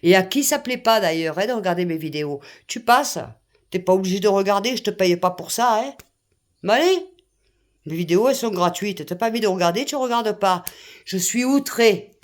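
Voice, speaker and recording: A woman's voice: mid-range voice, lively intonation, a little fast. An older woman, ranting indignantly to her viewers, full of exclamations and repeated phrases. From France. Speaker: vlogger. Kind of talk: angry rant to camera.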